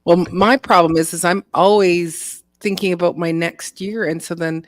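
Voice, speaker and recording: A woman's voice: lowish voice, fairly even intonation, normal speed, no echo, clean studio sound. A woman in her fifties on a livestream, chatting easily and laughing a lot. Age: 50s. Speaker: co-streamer. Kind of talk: casual chat. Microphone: video call.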